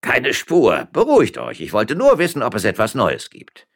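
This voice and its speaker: A man's voice: medium pitch, wildly swooping pitch, normal speed, breathy edge, voice pushed up, exaggerated voice. A man doing a sly, brusque court bailiff.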